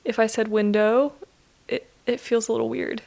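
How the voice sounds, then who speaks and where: A young woman co-hosting a podcast, easygoing and quick to laugh in casual chat. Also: a little high, flat delivery, creaky, a little mellow. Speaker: podcast co-host.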